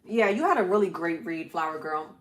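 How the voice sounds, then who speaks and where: Speaking fairly quickly in a lowish voice with lively intonation, a woman does an informal tarot reading on a live stream from her home setup after a recent move. She chats freely, swears, and laughs easily.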